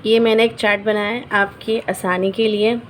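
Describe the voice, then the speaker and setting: A woman teaching Quran recitation rules in a patient lesson. She repeats each example word slowly and checks in her learners often. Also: mid-range voice, flat delivery, a bit bright, a little hiss or hum.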